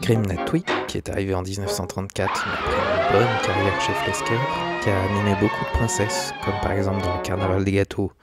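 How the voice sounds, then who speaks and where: His deep voice swoops wildly in pitch, and he talks fairly quickly with hardly any pauses. He's the host of an animation history channel reading scripted documentary narration, sometimes stumbling slightly over it, recorded dry and close over background music.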